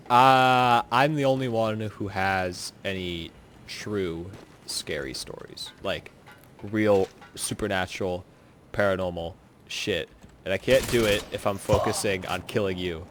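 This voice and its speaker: A man's voice: fairly low pitch, steady tone, a little slow, a bit bright, slight background noise. A young man chatting casually while gaming, rambling through a story with lots of filler words. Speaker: co-host telling scary stories.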